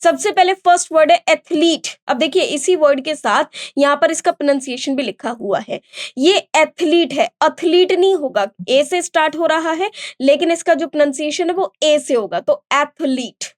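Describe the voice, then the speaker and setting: A woman with an Indian accent and a high voice teaches a vocabulary lesson. She explains each word step by step, asks the class questions and answers them herself.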